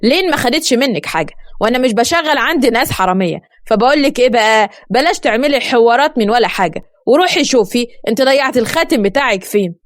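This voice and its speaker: A stern, commanding young master of the house with an Egyptian accent, as a woman reads him. He scolds with quick, clipped force and a lively, rising pitch. The sound is dry and close. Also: dry recording, lightly acted. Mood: scolding. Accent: Egyptian Arabic.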